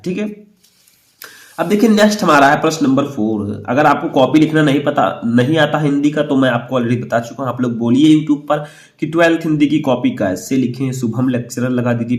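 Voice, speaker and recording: A man's voice: mid-range voice, a little mellow, reverberant. A man teacher walking students through an exam paper, explaining step by step and checking that they have understood. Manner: explanatory, repeats "ठीक है" and asks "समझ में आया?".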